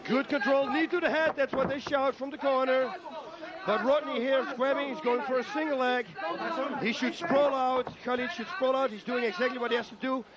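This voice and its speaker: A man's voice: extremely high pitch, steady tone, a little fast. A man giving live color commentary on a fight, urging tactics in a repetitive, coaching-like way. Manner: urgent, repetitive coaching-style analysis. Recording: live over a loud arena crowd. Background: roaring fight crowd.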